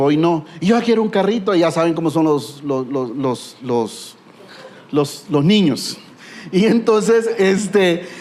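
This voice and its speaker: A man's voice: a little high, darkish tone. A middle-aged man preaching a sermon with a Guatemalan Spanish accent, telling stories with humor and rhetorical questions.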